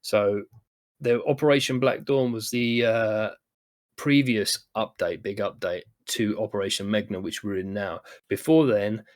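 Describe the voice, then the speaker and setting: A man's voice: on the low side, fairly even intonation, unhurried. A British man hosting a podcast, rambling casually with lots of "you know" and restarts. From United Kingdom. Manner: rambling, many fillers and restarts. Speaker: podcast host. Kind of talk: casual chat.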